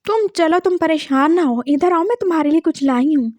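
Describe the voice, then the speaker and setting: A woman's voice: extremely high pitch, lively intonation, brisk, darkish tone, dry recording. A woman voicing a scheming young woman who talks in an overly sweet, coaxing way, in a told drama story.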